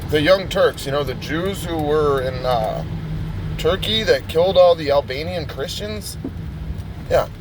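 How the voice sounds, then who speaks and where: Man with a fairly high voice in a confrontational vlog rant; loud outdoor traffic behind. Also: a little slow. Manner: confrontational, profane, ranting.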